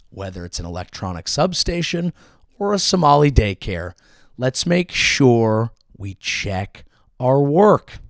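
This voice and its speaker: A man hosting his own show, delivering a profane, sarcastic comedic political monologue with sudden yelled outbursts. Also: medium pitch, no room sound, clean studio sound. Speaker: comedian host.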